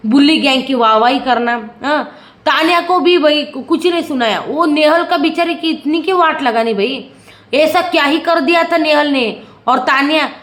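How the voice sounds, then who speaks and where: A woman with a high, bright-pitched voice delivers opinionated commentary on a reality show. She sounds indignant and keeps asking rhetorical questions. Her voice bounces around an echoey room.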